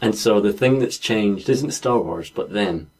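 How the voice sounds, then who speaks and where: Low-voiced man telling stories. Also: unhurried, a little mellow, breathy edge, low-quality recording. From Scotland. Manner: thoughtful, storytelling, light laughs. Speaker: podcast co-host. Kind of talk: casual podcast chat.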